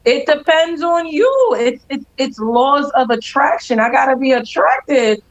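A woman's voice: sits high, expressive, unhurried, rough recording. A woman co-hosting a casual chat, talking bluntly and frankly with emphatic opinions.

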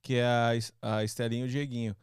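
A man in a casual chat, joking and cutting in with quick remarks. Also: mid-range voice, level tone, clear, resonant tone, dry recording.

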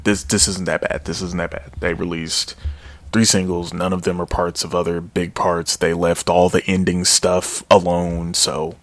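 A man's voice: sits low, fairly bright tone, dry recording. A man giving a casual, rambling spoken review of a metal album, often correcting himself and trailing off into mumbles.

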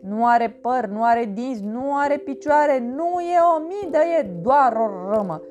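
A woman voicing a just-woken, bossy young carrot in a storybook, calm and firm. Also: a little high, lo-fi sound, slight background noise, close to an everyday voice. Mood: reassuring. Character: sleepy but bossy carrot girl. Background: background music.

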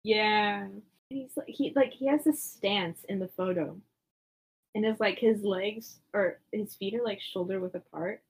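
A woman's voice: medium pitch, a little slow, breathy edge. A young woman chatting casually, giggly and teasing, with a blunt way of egging her friend on. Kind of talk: casual chat.

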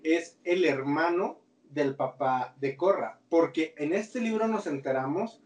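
A man's voice: on the high side, measured pace, darkish tone, distant mic. A man with a Mexican Spanish accent, co-hosting a casual chat, talking in slang and often restarting his sentences. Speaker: podcast co-host. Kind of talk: casual chat about a cartoon series. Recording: roomy sound, set back from the mic.

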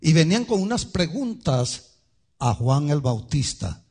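A male pastor preaching a sermon, emphatic, swinging between loud and soft and speaking straight to the congregation. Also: on the high side, very animated, a little slow, breathy edge. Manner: addresses the congregation directly.

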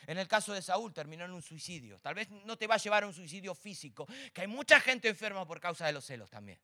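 A male preacher gives an emphatic sermon, asking rhetorical questions and swinging from hushed to loud. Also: high-pitched, lively intonation, fast.

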